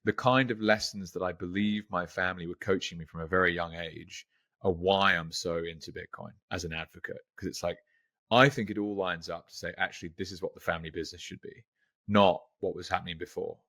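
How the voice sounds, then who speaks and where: A man's voice: low-pitched, steady tone, fairly quick, bright, forceful tone, no echo, studio quality. A man with a British accent, hosting an interview and speaking enthusiastically. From United Kingdom. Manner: enthusiastic, emphatic. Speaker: host. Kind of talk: interview conversation.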